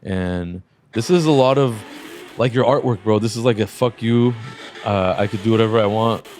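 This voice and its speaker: A man hosting a car podcast in casual chat, relaxed and swearing freely, laughing often. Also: fairly low pitch, normal speed. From Lebanese Armenian family. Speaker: podcast host.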